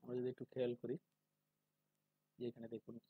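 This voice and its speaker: A man giving a calm spoken lesson on pronunciation, slowly and deliberately drawing out syllables to demonstrate them. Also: mid-range voice, breathy edge, dry recording, phone-quality sound. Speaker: teacher of Sanskrit pronunciation.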